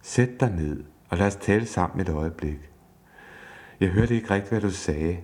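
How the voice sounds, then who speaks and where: A patient husband who answers his angry wife in a calm, soothing way and keeps asking what she wants, as a man reads his part. The voice is deep and measured. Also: lightly acted. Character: patient husband calmly trying to listen.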